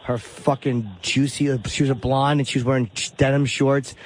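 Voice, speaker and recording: A man's voice: mid-range voice, little pitch movement, moderate pace. A male co-host in casual chat, throwing in crude, sardonic one-liners.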